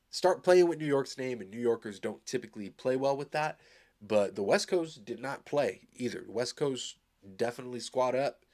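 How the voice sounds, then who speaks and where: A man's voice: fairly low pitch, darkish tone. A man from Arizona giving loose, rambling, upbeat commentary as he reacts to a new song. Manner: loose, rambling, filler-heavy, enthusiastic. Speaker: music reaction host. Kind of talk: casual live reaction commentary.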